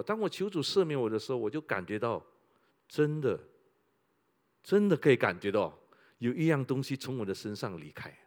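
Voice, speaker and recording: A man preaching a sermon in a lively pastor's voice that climbs and dips widely. He is somewhat high-pitched and drives his points home with rhetorical questions and repetition.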